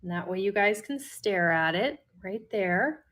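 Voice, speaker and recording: Midwestern woman host, relaxed slow livestream seller who chats to herself. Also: mid-range voice. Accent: Midwestern American. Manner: chatty, talks to herself while listing items. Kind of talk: casual livestream selling.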